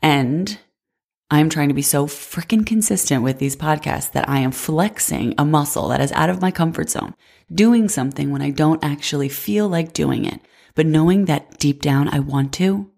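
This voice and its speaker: A woman's voice: deep voice, normal speed, gravelly, darkish tone. A woman in her twenties hosting a casual solo podcast, sick and congested, with a nasal voice and a chatty manner full of "like". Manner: chatty, frequent "like" fillers. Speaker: podcast host.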